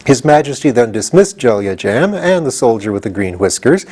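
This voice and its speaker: Reading a children's storybook with expressive narration, this male audiobook reader keeps a moderate pace and a medium pitch.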